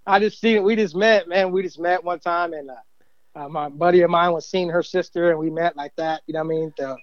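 Middle-aged church volunteer, casual rambling testimony, slightly high voice, dry. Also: male voice, steady tone, fairly quick, no echo, dull audio. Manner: rambling, many fillers and "you know what I mean". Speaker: guest, church usher and youth minister.

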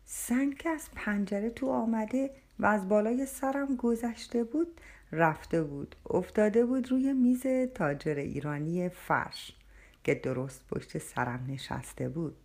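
A woman's voice: medium pitch, darkish tone. A woman narrating an audiobook in the first person, telling the story expressively.

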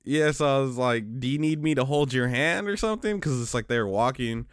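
A man's voice: medium pitch, fairly quick, clean tone, dry recording, clean studio sound. A man co-hosting a podcast, telling slangy, laid-back stories about his work as a teacher in a casual chat. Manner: laid-back, slangy storytelling with frequent restarts. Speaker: podcast co-host; special education teacher.

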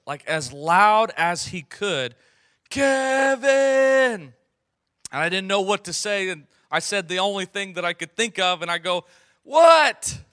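An earnest man preaching, his voice fairly high and bright. He tells a personal story, clears his throat often and slows on key phrases. The sound is close and dry. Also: no echo. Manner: frequent throat clearing and fillers. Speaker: pastor.

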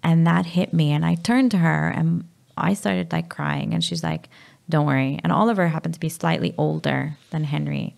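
A woman's voice: low-pitched, fairly even intonation, moderate pace, vocal fry, a little mellow. A woman, a mother, talking openly in a conversational interview, with frequent fillers and restarts. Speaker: guest, mother of a sick child.

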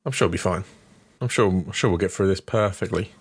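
A man's voice: low-pitched, fast, breathy edge, no room sound, studio quality. A man chatting casually as a podcast co-host.

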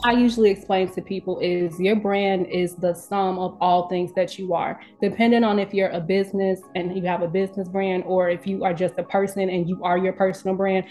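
A woman's voice: lowish voice, flat delivery, a little fast, hardly any pauses, mellow, soft background music. A woman speaking as a podcast guest, a brand strategist explaining her work in casual, informal conversation.

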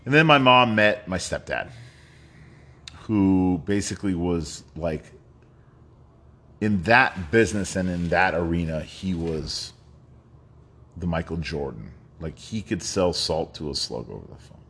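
Low, animated, and a bit bright, his slightly rough voice is unhurried and pauses often. He's a New York man in his fifties telling his life story as a guest, casual and rambling, with frequent laughs, fillers, and restarts.

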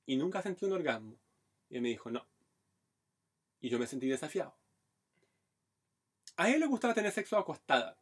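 This podcast co-host is a Brazilian man in his thirties whose first language is Portuguese, and he has a Brazilian accent. His fairly high, breathy voice is very animated and a little fast, broken by long pauses, as he chats casually and shares frank stories packed with Chilean slang.

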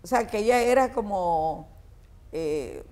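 A woman's voice: medium pitch, expressive, takes it slowly, dark tone. An older woman from the Dominican Republic with a Dominican accent, a singer reminiscing in an interview with many fillers and restarts. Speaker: guest singer.

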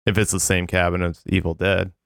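Deep gravelly laid-back man. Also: flat delivery, brisk, a bit bright, dry recording, studio quality. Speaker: podcast co-host. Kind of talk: casual chat.

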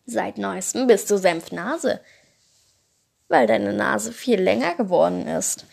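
A woman's voice: mid-range voice, animated, slow pace, gravelly, darkish tone, husky, exaggerated voice. A woman voicing a group of small fire lizard creatures who talk in a raised, mocking and boastful way in a storybook tale.

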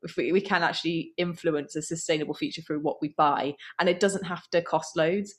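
Low-voiced woman speaking as an earnest podcast guest. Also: fairly even intonation, brisk. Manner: thoughtful and earnest, with fillers and restarts. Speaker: guest, app founder. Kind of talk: casual conversational interview.

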